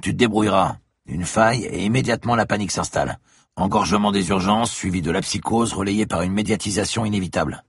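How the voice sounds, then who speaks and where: Guy doing a stern boss cop giving orders, husky, low. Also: fast, no room sound, studio quality. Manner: curt, authoritative. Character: stern male police commissioner.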